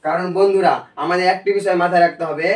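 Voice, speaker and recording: A man teaching a recorded video lesson, explaining step by step in a slow, patient way. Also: high voice, fairly even intonation. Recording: echoey room, voice from a distance.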